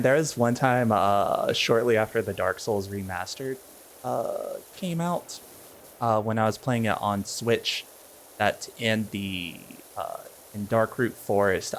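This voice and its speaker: A man's voice: on the low side, slow pace, fairly bright tone, slight background noise. A man streaming a game, chatting casually and wryly while he plays. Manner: laid-back, wry, thinks aloud while playing. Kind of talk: casual gameplay chat.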